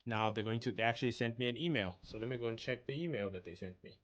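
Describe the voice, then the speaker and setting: This young South African YouTuber speaks fast at a medium pitch while casually guiding viewers through an online application on screen. He thinks out loud and says um a lot. The recording sounds muffled.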